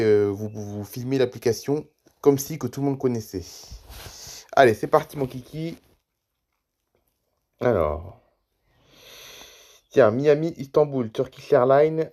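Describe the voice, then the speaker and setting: A man's voice: medium pitch, measured pace, long pauses, mellow. A tired man YouTuber giving rambling, chatty commentary over a screen recording, reading out flight routes one after another.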